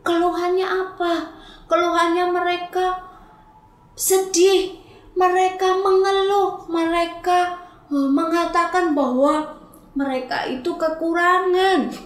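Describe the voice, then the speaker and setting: A woman teaching Sunday school, telling a Bible story to children in a lively way and asking them questions. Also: very high-pitched, slow, pauses often, reverberant.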